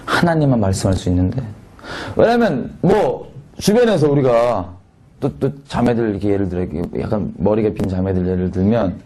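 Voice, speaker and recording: A man from Korea preaching a sermon in a conversational, animated way, swinging from loud peaks to quiet asides. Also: fairly low pitch, a little fast.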